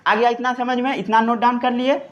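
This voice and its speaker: A man teaches a science class in Hindi. He says the key terms slowly and repeats them, as if dictating notes. He checks often that his students are following. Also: extremely high pitch, flat delivery, lo-fi sound. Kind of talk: classroom lecture.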